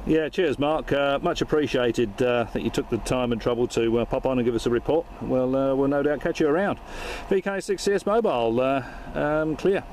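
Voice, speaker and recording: A man's voice: mid-range voice, brisk, few pauses, a little mellow, slight background noise. A man talking casually and jokily as an amateur radio operator and video host, recorded inside a car. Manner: jokey, matey, informal. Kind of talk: casual radio chat and vlog narration.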